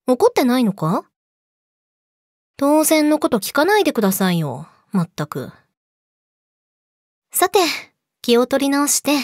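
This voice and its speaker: A young woman playing a yandere girlfriend in a role-play audio drama, politely sweet, possessive and menacing, slipping into breathy whispers, close to the mic. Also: sits high, dry recording. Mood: cool, suspicious, then calmly leading on. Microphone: close studio mic, dry.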